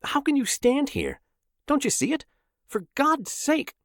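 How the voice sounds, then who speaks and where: A man voicing a terrified middle-aged shopkeeper who shouts and pleads frantically in an audiobook. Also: on the high side, wildly swooping pitch, moderate pace, dry recording, clean studio sound, voice pushed up. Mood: panicked shouting. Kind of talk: audiobook character voice.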